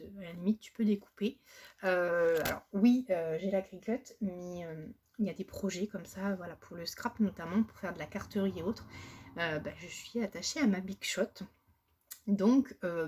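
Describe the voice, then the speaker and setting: A woman's voice: medium pitch, warm tone, a little hiss or hum. Chatty French woman showing craft buys. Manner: hesitant, many fillers and restarts. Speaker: crafting haul vlogger. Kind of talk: casual chat.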